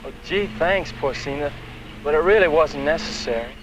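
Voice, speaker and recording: A man's voice: a little high, normal speed, fairly bright tone, a little hiss or hum, natural voice. An actor playing a lovesick, naive American man in an old comedy film, with an American accent. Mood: sheepish. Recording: dull old film soundtrack, music behind.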